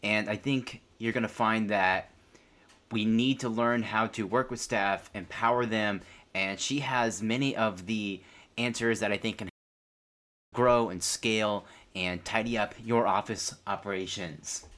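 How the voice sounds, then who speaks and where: A man's voice: on the low side, fairly even intonation, unhurried, fairly bright tone. Casual man hosting an interview. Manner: sings a rap-style intro, then talks conversationally. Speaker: podcast host.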